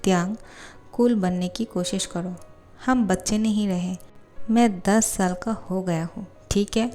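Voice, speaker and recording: Lady reading a snappy jealous little boy, mellow soft voice, storytelling. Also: medium pitch, fairly even intonation, unhurried, faint music behind, close to an everyday voice. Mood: calm. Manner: curt, scolding. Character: ten-year-old boy, sulky and jealous. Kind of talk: fan fiction voiceover storytelling.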